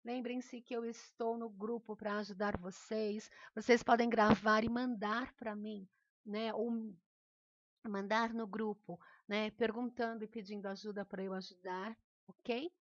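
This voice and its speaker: A woman's voice: mid-range voice, fairly even intonation, a little slow, no room sound, highs cut off. A woman teacher with a Brazilian accent, giving a recorded remote lesson in a patient, encouraging way and often checking in with her students. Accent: Brazilian Portuguese.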